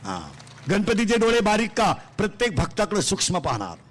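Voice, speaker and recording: A man with a Marathi accent preaching a comic devotional sermon in a pavilion, loudly quizzing his listeners. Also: sits high, wildly swooping pitch, fairly quick. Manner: loud, quizzing the audience, singsong mimicry. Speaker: kirtan preacher. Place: outdoor pavilion before a crowd. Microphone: stage microphone.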